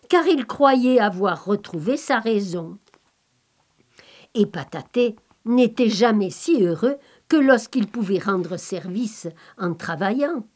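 A woman reading a folk tale aloud in a calm, measured, expressive storybook manner. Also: fairly high pitch. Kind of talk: slow storybook narration.

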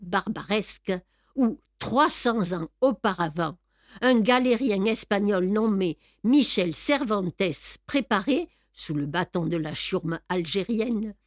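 In a clean studio recording with a dry sound, a woman with a medium-pitched voice reads an audiobook aloud. She tells the story in a paced, expressive style.

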